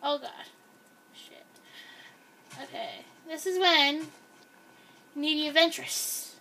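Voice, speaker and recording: Her voice sits high, creaky yet bright and forceful, moving at a slow pace as this young woman rambles casually through a game. She hosts a gameplay video filmed by a camera aimed at a screen, with a little hiss or hum in the audio.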